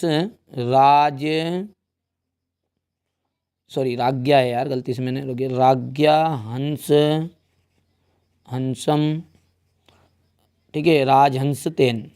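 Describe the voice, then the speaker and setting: A young male teacher talks through a revision lesson one step at a time. His voice sits a little high, and he keeps checking in with his students in a friendly, easy way. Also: clean tone.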